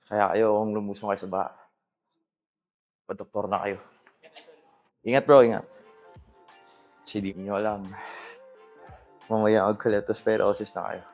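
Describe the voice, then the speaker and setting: A man's voice: on the low side, little pitch movement, moderate pace, long pauses, a little mellow. A Filipino man speaking casually as a fitness vlogger, coaching exercises and mixing in English gym terms. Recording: music behind the voice.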